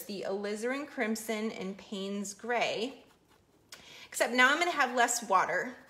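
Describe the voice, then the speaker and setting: A woman hosting a live paint-along, explaining her brushwork in a relaxed, chatty way as she paints. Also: mid-range voice. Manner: loose, easygoing explanations with frequent "um" and "kinda". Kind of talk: casual live painting demo.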